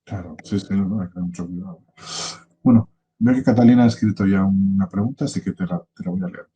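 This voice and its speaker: A man's voice: deep voice, quick pace, dark tone, lo-fi sound, slight background noise. A man hosting a casual video-call interview, agreeing often and reading out viewer questions. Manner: frequent short agreeing backchannels, reads out viewer questions. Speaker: interview host.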